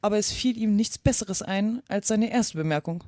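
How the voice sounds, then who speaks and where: A woman narrates a storybook aloud in a calm, measured podcast reading. Her voice sits at a middle pitch, and the recording is dry and close with no room sound. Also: no room sound. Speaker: podcast reader.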